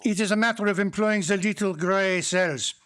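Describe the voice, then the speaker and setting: A man's voice: high-pitched, fairly even intonation, normal speed, fairly bright tone. A man playing a courteous, fussy detective with a French accent, speaking formally and precisely in live radio drama style. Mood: polite, fussy. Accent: put-on French. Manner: formal, gallant, theatrically precise. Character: courteous, fussy Belgian male detective, precise and self-assured. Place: live performance in a library before an audience. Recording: live stage recording, faint noise.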